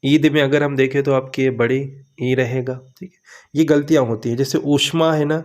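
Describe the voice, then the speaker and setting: A man teaching an exam preparation lesson, walking through questions with steady, repetitive coaching and frequent check-ins. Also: medium pitch, moderate pace.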